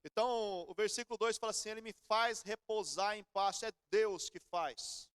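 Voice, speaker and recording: A man's voice: sits high, moderate pace, a bit bright, clean tone, no echo, studio quality. A middle-aged Brazilian man preaching a sermon in church, telling everyday stories in a conversational way. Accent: Brazilian Portuguese. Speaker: pastor.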